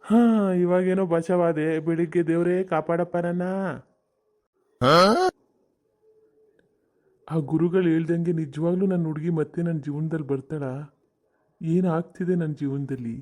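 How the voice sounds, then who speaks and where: A put-upon older village husband, as a man voices him grumbles in a mellow, somewhat raised voice. He sounds worn down and exasperated, as in a comedy cartoon. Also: on the high side, fairly even intonation, fairly quick, close to an everyday voice.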